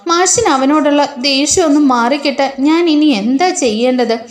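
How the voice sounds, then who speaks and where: A woman voicing a gentle, worried mother in a retold story. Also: high voice, moderate pace, lightly acted. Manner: soft, anxious. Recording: roomy echo.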